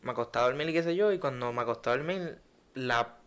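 A young man, co-hosting a casual podcast chat and telling stories in a loose, slangy way. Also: medium pitch. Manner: slangy storytelling, drawn-out and animated when telling a scary dream. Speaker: podcast co-host.

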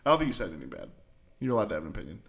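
A man's voice: deep voice, very animated, very fast, a bit bright. A man co-hosting a podcast, joking and laid-back in casual chat, with casual swearing. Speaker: podcast co-host.

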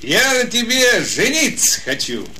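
An actor playing a cocky, naive young peasant lad in a fairy-tale audio drama, blunt and folksy. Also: male voice, extremely high pitch, very animated, measured pace, sharp tone, a little hiss or hum, exaggerated voice. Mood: blunt, curious.

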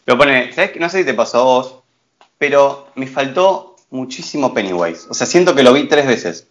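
A young man with a Rioplatense Spanish accent co-hosts a casual film review, chatting in an animated, mocking and slangy way. His medium-pitched voice comes at normal speed on a muffled recording.

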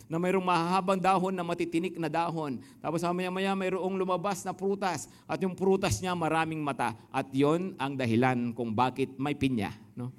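A male pastor in his thirties preaching to a congregation, telling stories and calling out questions to the crowd while mixing Tagalog and English. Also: sits high. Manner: mixes Tagalog and English in lively storytelling. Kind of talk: sermon. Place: church before a congregation.

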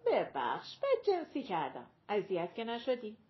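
A woman's voice: medium pitch, huge pitch swings, dull audio. A woman voicing a playful adult man who jokes and teases in a mock-formal way.

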